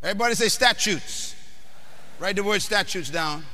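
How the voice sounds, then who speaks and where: A man from the Bahamas, preaching a sermon emphatically, questioning the crowd and often shouting. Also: sits high, normal speed. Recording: long hall reverb.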